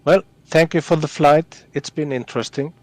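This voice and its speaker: A man's voice: on the high side, fairly even intonation, normal speed, a little mellow, dry recording. Easygoing man in voice chat. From Sweden. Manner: friendly, easygoing, adds many small fillers. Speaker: fellow flight-sim pilot on the stream call. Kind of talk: casual voice chat.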